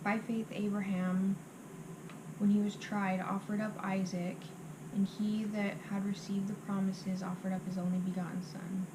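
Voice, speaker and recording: A woman reciting scripture from memory by rote, in short halting phrases, sometimes restarting them. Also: medium pitch, level tone. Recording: clearly noisy amateur recording.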